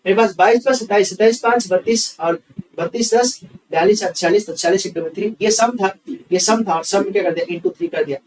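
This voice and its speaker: A man's voice: sits high, darkish tone, far from the mic, a little hiss or hum, poor audio. A man teaching reasoning. He works through sums aloud, asks questions and answers them himself, and keeps repeating each step. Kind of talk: online exam-prep class.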